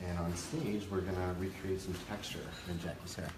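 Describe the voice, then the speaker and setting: Low-voiced man, casual hairdresser. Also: level tone, normal speed. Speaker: hair cutter demonstrating. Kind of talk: casual demonstration. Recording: clear background salon noise.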